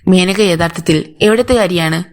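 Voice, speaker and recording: A woman's voice: fairly low pitch, normal speed, close to an everyday voice. A woman voicing a stern male police inspector. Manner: firm, interrogating. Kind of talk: audiobook character voice.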